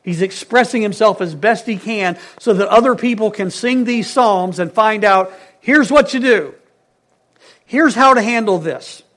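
A man preaching a sermon, stressing key words loudly and dropping to hushed phrases, asking his congregation questions. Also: high-pitched, unhurried. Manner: emphatic, swings between loud stresses and hushed phrases.

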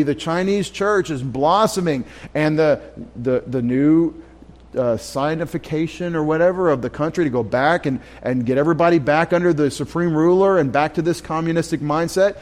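A man's voice: fairly high pitch, moderate pace. Emphatic male pastor preaching. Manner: emphatic, repeats himself, with restarts. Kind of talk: Bible study sermon. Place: church.

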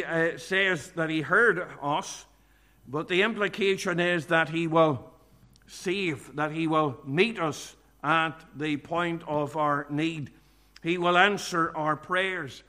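A man preaching a sermon at a church meeting, earnest and measured, often quoting scripture. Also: sits high, bright, forceful tone.

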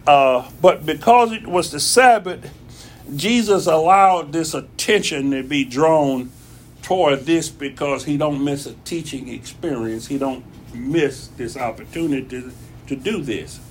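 A man's voice: a little high, measured pace, slight background noise. A man preaching a conversational sermon in his church, folksy and repeating phrases for emphasis. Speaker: pastor.

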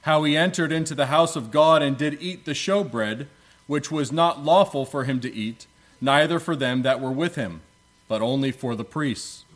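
A man leading prayer and reading scripture from a pulpit microphone in a church, in a solemn, measured way with archaic biblical wording. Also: fairly high pitch. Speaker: preacher.

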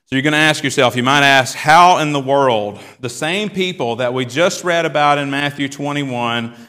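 Guy preaching a sermon in a big echoey church, reads scripture dramatic, gets loud on the quoted shouts. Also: medium pitch, moderate pace. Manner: dramatic reading, rising loud on quoted cries. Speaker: pastor. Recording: long hall reverb.

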